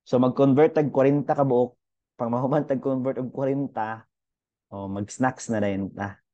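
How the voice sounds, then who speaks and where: A man's voice: mid-range voice, steady tone, normal speed, mellow, no echo, muffled recording. A young man teaching a casual physics lesson, chatty and thinking aloud with fillers as he goes through units.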